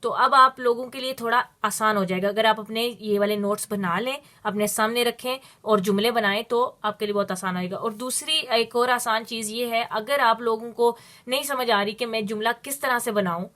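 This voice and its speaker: A woman teaching a Spanish lesson, explaining step by step and drawing out her Spanish examples slowly. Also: fairly high pitch, fairly even intonation, bright, forceful tone. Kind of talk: spoken language lesson.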